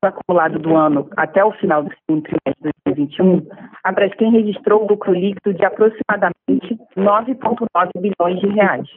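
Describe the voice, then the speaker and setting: A woman with a Brazilian accent gives a scripted financial presentation, reading in a formal, measured way. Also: medium pitch, slightly rough. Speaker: investor relations director. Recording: muffled lo-fi conference phone line.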